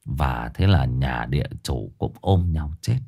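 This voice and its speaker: A man telling a tragic true story to his listeners in a casual spoken style, with sudden high emphatic bursts and low somber drops. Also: lively intonation, measured pace, creaky, dark tone, soft background music. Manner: addresses listeners directly, casual with restarts.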